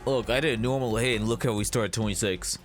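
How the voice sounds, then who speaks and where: A man's voice: fairly low pitch, fast. A man streaming a video game, commenting in a casual, joking way and talking to himself as he plays. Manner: chatty, jokey, talks to himself. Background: game music.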